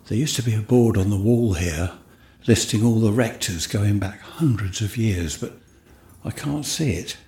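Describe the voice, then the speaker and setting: A man's voice: on the low side, a little mellow, slightly rough. A man from West Sussex, chatting and rambling as he narrates a casual walkabout vlog on a handheld microphone. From West Sussex, England. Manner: chatty, rambling, thinking aloud. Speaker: vlogger.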